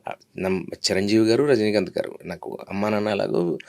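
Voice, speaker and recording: A man, speaking quickly in a casual interview. He tells stories in an animated way and often rises to loud, excited bursts. His voice sits fairly low and sounds close and dry. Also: dry recording. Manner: animated, lively storytelling, rising to loud bursts. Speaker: actor and comedian.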